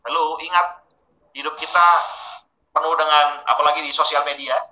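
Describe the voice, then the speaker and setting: A man's voice: a little high, normal speed, roomy sound, low-quality recording. A man giving a training webinar, talking casually and putting questions straight to his audience. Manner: lively, questioning audience directly.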